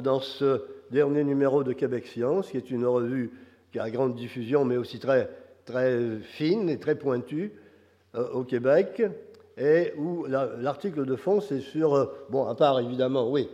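An older man with a Quebec French accent gives an academic lecture, his voice hoarse and nasal from a cold, halting as he searches for phrasing. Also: medium pitch, mellow. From Quebec, Canada. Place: large reverberant lecture hall. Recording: muffled, very reverberant lecture hall.

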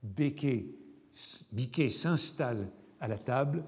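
A man giving a literature lecture, speaking deliberately with pauses and hesitations, and reading passages aloud. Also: mid-range voice, expressive, darkish tone. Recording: long hall reverb.

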